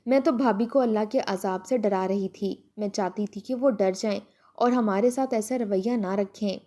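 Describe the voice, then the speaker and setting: A woman's voice: medium pitch, mellow, lightly acted. Woman reading as an outspoken, wounded daughter. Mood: tearful. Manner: indignant, tearful.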